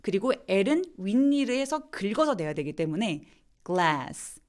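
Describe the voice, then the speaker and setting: A woman teaching English pronunciation in a live online lesson, slowly demonstrating words and answering viewer questions. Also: mid-range voice, sing-song, a little mellow.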